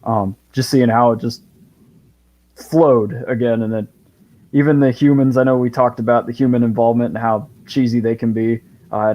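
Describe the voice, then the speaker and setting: A man's voice: lowish voice, warm tone, poor audio. A man in casual chat about a movie, rambling along with lots of fillers.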